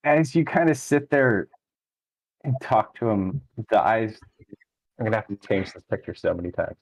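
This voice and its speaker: A man's voice: lowish voice, lively intonation, normal speed, vocal fry, low-quality recording. A man narrating a tabletop game as game master in a casual, colloquial way.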